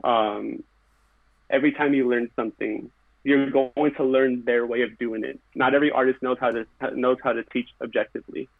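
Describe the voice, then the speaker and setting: A background painter from California appears as a podcast guest, talking earnestly and reflectively in short phrases with fillers during a casual conversation. His mid-range voice is steady in tone, with vocal fry and a moderate pace. The line sounds tinny and phone-like, very dry, with no room sound.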